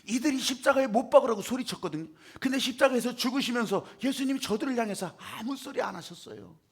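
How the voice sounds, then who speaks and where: Male pastor, sermon delivery, high husky voice, dramatic and theatrical, voices his characters. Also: lively intonation, quick pace.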